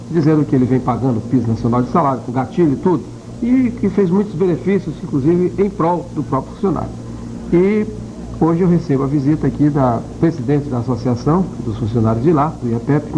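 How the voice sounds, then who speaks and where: A male TV news host, interviewing a guest with brisk, probing questions, heard from an old VHS tape. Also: a little high, muffled recording, noisy background. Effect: old VHS tape recording.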